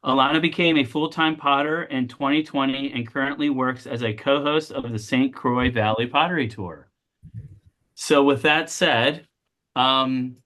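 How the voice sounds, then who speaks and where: Man, lecture host, bright forceful voice, mid pitch, halting with fillers, reads a prepared intro. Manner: halting, many fillers, then reads a bio. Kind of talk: reading an introduction.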